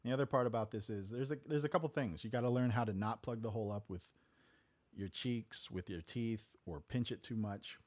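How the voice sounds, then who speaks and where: A man's voice: lowish voice, a little fast. A man casually teaching a talk box technique step by step, checking in with "right?" as he goes. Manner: relaxed, explains step by step with "right?". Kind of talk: casual studio tutorial. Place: home music studio.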